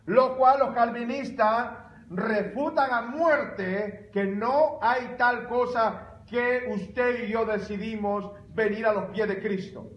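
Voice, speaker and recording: A man with a high voice preaches a sermon in a church sanctuary, his words ringing around a roomy, echoey space. He delivers it with animated emphasis and bursts into loud exclamations. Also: takes it slowly, lo-fi sound. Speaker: pastor.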